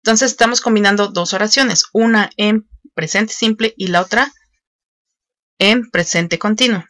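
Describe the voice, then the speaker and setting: A woman walks learners patiently through an online English lesson. She pauses with frequent fillers as she explains each step. The recording is dry and close, with no room sound. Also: medium pitch, fairly bright tone, no room sound.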